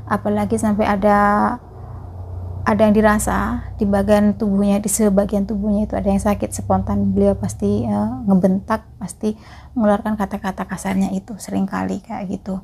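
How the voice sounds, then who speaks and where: Gravelly, husky woman vlogging. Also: medium pitch, dark tone. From East Java, Indonesia. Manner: chatty, keeps addressing viewers as friends. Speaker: migrant caregiver vlogger. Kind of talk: casual vlog storytelling.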